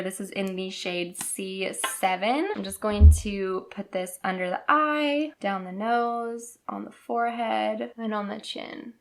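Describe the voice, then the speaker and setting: A woman chatting casually and upbeat while she applies makeup in a beauty vlog. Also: medium pitch. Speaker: beauty vlogger. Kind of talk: casual makeup tutorial chat.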